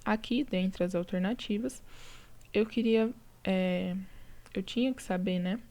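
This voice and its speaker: A woman's voice: mid-range voice, measured pace, warm tone. A woman teacher with a Brazilian Portuguese accent, patiently going over exercises in a recorded lesson and checking in with her students often. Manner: patient, explaining step by step with frequent "tá?" checks.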